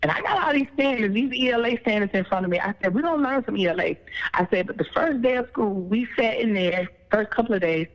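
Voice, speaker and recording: A woman's voice: a little high, quick pace. A woman who is a veteran teacher, telling a classroom story in a casual interview and acting out her own words to the class. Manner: animated, re-enacts her own classroom talk. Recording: dull, echoey hall sound.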